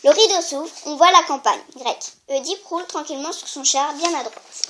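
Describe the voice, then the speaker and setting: A woman's voice: high voice, moderate pace, a bit bright, slight background noise. A young girl casually retelling a story, chatty and hesitant, with plenty of fillers.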